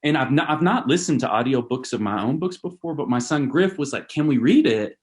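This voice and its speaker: A man's voice: mid-range voice, expressive, fairly quick. A male author in a casual conversation, talking in a rambling way full of fillers over a video call. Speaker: author and guest.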